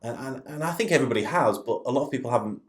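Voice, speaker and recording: Speaking rapid-fire and animated at a medium pitch, this man, a digital influence facilitator guesting on a podcast, explains conversationally and throws out rhetorical questions. The sound is roomy, with indoor echo.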